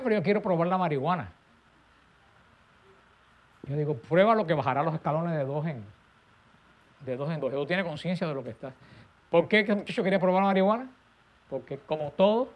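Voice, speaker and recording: Emphatic male preacher. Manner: emphatic, drops to a soft low voice at phrase ends. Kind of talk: sermon.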